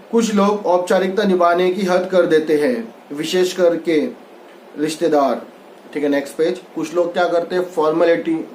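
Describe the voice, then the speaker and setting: Male Hindi teacher, slightly high voice, reads the text and then paraphrases it casually with English mixed in, recorded in an echoey room. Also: a little mellow, a little hiss or hum. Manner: reads a line, then re-explains it loosely with English words mixed in. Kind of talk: textbook lesson explanation.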